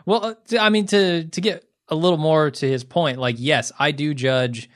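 A man's voice: a little high, steady tone, moderate pace, fairly bright tone. A man co-hosting a podcast, chatting casually with loose, wry, sometimes profane asides. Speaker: podcast co-host. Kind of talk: casual chat.

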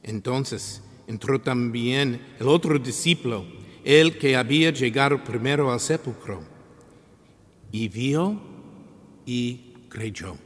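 A man reading scripture as a priest, in a solemn, measured and deliberate liturgical manner with pauses. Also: medium pitch. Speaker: priest reading the Gospel at Mass. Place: large reverberant church. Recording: long church-like reverberation.

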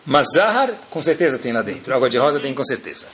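A religious teacher with a Brazilian Portuguese accent leads a lively Torah class, peppering his listeners with rhetorical questions and jokes. His voice sits in the middle range, and he talks fast.

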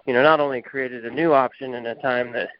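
A man's voice: medium pitch, fairly even intonation, a little fast. A man, a company founder, heard over the phone in an interview, giving long explanatory answers with frequent fillers. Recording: muffled, dry phone line.

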